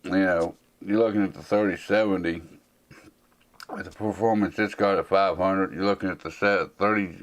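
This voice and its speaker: A man's voice: low voice, fairly even intonation, moderate pace. A man, hosting a casual Q&A and rambling in a folksy, plain-spoken way with plenty of fillers. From United States. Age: 40s. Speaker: host answering viewer questions. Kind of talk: casual Q&A chat.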